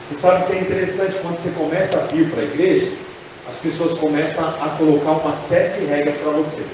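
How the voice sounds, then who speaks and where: Brazilian pastor preaching in a church hall, acts out little dialogues, booming echo, mic far away. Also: male voice, noisy background. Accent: Brazilian Portuguese. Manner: preaching with acted-out everyday dialogues and rising emphasis. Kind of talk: sermon. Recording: echoey church room from a distance.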